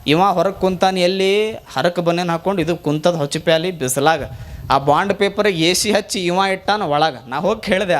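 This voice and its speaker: A man's voice: high-pitched, normal speed. A man, a monk, giving a folksy storytelling sermon with a North Karnataka Kannada accent. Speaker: monk preacher.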